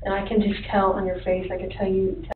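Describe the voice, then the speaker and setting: A woman giving a polygraph test and questioning a suspect in a calm, measured, procedural way, heard on old interrogation tape. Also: medium pitch. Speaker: polygraph examiner. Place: interrogation room. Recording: tinny, echoey room, far from mic, faint hiss.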